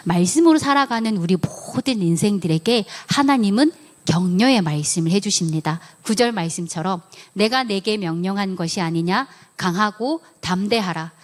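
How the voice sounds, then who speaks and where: A woman's voice: mid-range voice, moderate pace. A middle-aged woman giving a sermon testimony in church, telling her story earnestly and acting out her own prayers and conversations. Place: church sanctuary.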